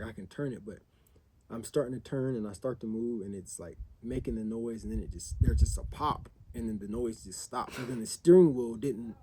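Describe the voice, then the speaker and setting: A man's voice: mid-range voice, dark tone, husky, dry recording. A man casually chatting as a vlogger, telling a story in a rambling way with restarts. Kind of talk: casual chat.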